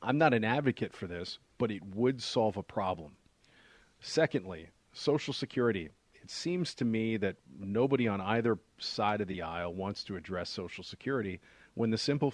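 A man's voice: fairly low pitch, no room sound. A man giving a conversational explanation as a financial adviser on a radio show, using rhetorical questions and repetition for emphasis.

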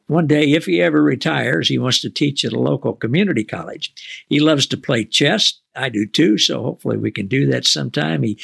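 A man's voice: medium pitch, creaky, a bit bright, husky. An older man hosting a faith podcast in an upbeat, welcoming way. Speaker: host.

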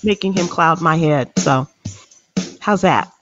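A woman's voice: low voice, slow, lo-fi sound, over music. A woman co-hosting a podcast who chats casually, hesitating and laughing easily. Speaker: podcast co-host. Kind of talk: casual chat.

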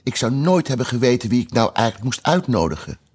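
A man's voice: medium pitch, big pitch swings, quick pace, darkish tone, breathy edge. A man voicing a polite, slightly nervous young girl in a storybook reading. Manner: polite, hesitant.

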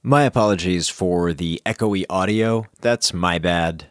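A man's voice: low-pitched, a little slow, no echo, studio quality. A man hosting a vlog, narrating in a scripted, personal style. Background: clear music.

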